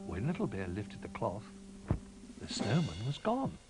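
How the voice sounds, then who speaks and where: A man narrating a children's storybook in an animated, sing-song manner. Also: on the low side, measured pace. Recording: music under narration.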